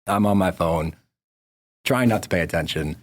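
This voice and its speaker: A man's voice: deep voice, moderate pace, no room sound. A man talking as a podcast guest, telling stories in a laid-back, slangy way. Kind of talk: casual conversation.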